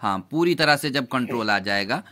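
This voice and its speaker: A man teaching a recitation lesson, drawing out sounds slowly for students to repeat after him. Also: medium pitch, lively intonation, sharp tone. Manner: patient, drawn-out demonstration of sounds.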